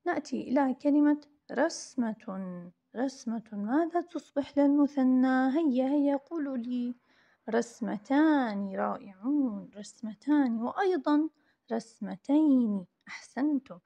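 A woman teacher reviewing grammar for young pupils, drawing words out slowly and praising often in a recorded lesson. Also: high-pitched, animated, gravelly, mellow, muffled recording. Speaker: primary school teacher.

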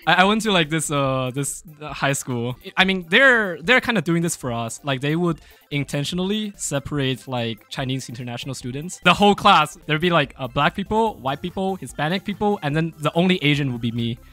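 A young man hosting a gaming session, casual and excitable, often repeating short phrases, close on a desk microphone. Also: fairly high pitch, a little fast, few pauses. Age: young adult. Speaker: gaming video host. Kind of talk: casual chat and game commentary. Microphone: headset and boom-arm microphone at desk. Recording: music bed behind the voice.

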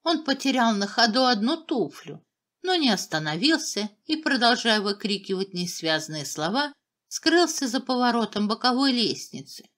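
A woman narrating a children's fairy tale in an expressive, dramatic storytelling manner. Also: on the high side, moderate pace. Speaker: audiobook narrator.

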